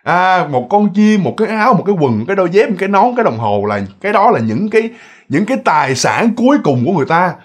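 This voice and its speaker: A man with a Southern Vietnamese accent tells ghost stories casually, speaking fast in a high, very animated voice. He's chatty and repetitive, addressing his listeners directly.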